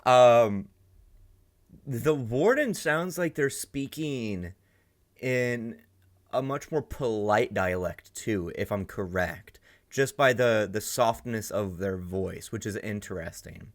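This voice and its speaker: A young man hosting a reaction video thinks aloud, rambling casually with lots of fillers and restarts. His voice is on the low side, slow and animated.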